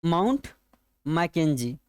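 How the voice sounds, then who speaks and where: A man's voice: a little high, sing-song, a little mellow, clean tone, no echo, clean studio sound. A male teacher giving an exam-prep geography lesson, repeating each point and turning it into a question for his students. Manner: slow, repetitive explaining.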